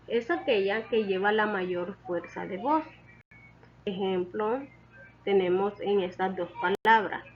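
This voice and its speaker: Slow, patient woman teaching a lesson. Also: mid-range voice, dull audio, a little hiss or hum. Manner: deliberate, patient, repeats key points.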